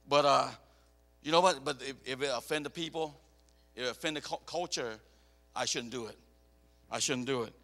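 A man born in Cambodia and raised in America, preaching as a missionary, animated and prone to repeating himself as he tells personal stories. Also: mid-range voice, creaky. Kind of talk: sermon. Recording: echoey hall reverb.

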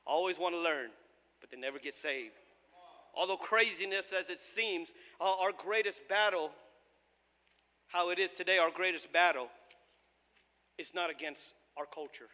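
Male pastor, very high voice, fiery sermon, shouting emphasis, stumbling fillers, long hall reverb. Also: moderate pace, pauses often. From United States. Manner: impassioned preaching with shouted emphasis and frequent stumbles.

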